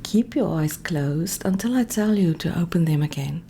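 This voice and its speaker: A meditation coach guides listeners in a soft, breathy voice that often drops nearly to a whisper, calm and gently directive. Her pitch is fairly low, her speed normal, and there's slight background noise.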